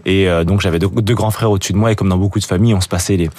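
A young man speaking as a guest in a radio interview, often pausing and restarting his sentences. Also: deep voice, fairly even intonation, darkish tone, no echo. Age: young adult. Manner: hesitant, many fillers and restarts. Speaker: guest, jeans brand founder.

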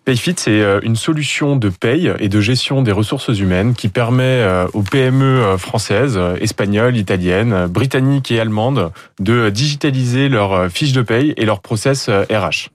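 Male CEO guest, low voice, dry studio, hesitant and filler-heavy. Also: normal speed, hardly any pauses, dry recording. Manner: hesitant, many "euh" fillers and repeated words. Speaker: company founder and CEO. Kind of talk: business interview answers.

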